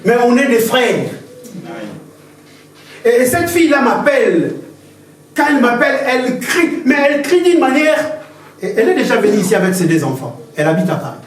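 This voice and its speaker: A man's voice: extremely high pitch, big pitch swings, a little fast, pauses often. A man preaching a sermon as pastor, impassioned and repetitive, telling stories to the congregation. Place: church hall. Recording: very echoey church hall, distant mic.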